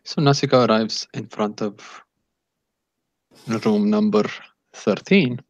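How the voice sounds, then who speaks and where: Male game master, low voice, improvising unhurriedly and haltingly; slightly muffled lo-fi audio. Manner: halting, searching for words. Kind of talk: improvised narration of a tabletop game. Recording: echoey room, dull lo-fi sound.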